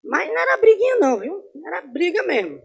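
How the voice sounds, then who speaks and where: A woman teaching an informal Bible class in church. She tells personal stories, asks the class questions and swings between loud and soft. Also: very high-pitched, huge pitch swings, quick pace, vocal fry. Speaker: Sunday school Bible teacher.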